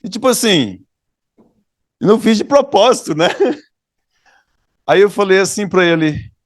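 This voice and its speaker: Pastor brasileiro contando histórias com animação. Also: male voice, high-pitched, measured pace, no echo, clean studio sound. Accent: Brazilian Portuguese. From Brazil. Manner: animated storyteller, laughs often, acts out dialogue. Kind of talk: sermon with storytelling. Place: church hall, dry sound.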